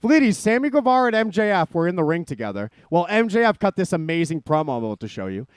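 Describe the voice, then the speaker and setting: A man's voice: high-pitched, very animated, fast, clear, resonant tone, dry recording. A man hosting a live stream, rambling and swearing as he talks to his chat. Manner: profane, rambling, addresses chat as ladies. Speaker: stream host. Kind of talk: casual live-stream commentary.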